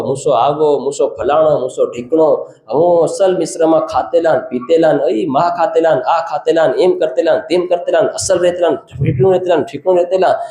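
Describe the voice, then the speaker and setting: A male pastor, preaching in a fairly high voice. He calls questions out to the congregation and repeats phrases to drive them home. The sound is echoey and roomy. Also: dark tone. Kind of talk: sermon.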